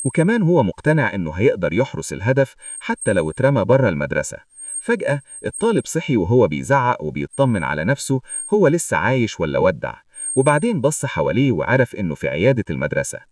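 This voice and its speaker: Fast, lively Egyptian man narrating. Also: lowish voice, dry recording, clean studio sound, recorded from a distance. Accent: Egyptian Arabic. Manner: lively, joking storyteller. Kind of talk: comic manga recap narration.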